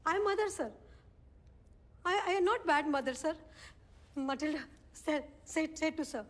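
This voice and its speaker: A woman's voice: high voice, moderate pace, close to an everyday voice. An actress playing a desperate mother with a Bengali accent, begging a court for her children in broken English. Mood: pleading. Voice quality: broken English, pleading, breathless repetition. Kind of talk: film drama. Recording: reverberant film mix with music.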